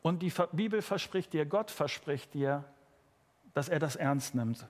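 Earnest high-voiced male preacher in hall. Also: lively intonation, a little slow. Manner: earnest, direct address to listeners, varied pitch. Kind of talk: sermon.

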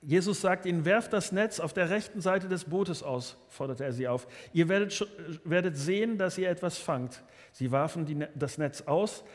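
High-voiced guy giving a sermon, earnest, lots of restarts, echoey church hall. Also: moderate pace. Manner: earnest, many restarts and repetitions. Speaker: preacher.

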